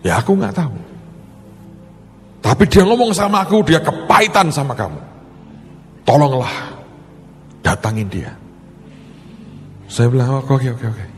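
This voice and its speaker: A man's voice: mid-range voice, expressive, a little slow, long pauses. A male pastor, preaching a sermon and acting out both sides of a conversation as he tells a story. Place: large church hall. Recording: hall reverb with faint music.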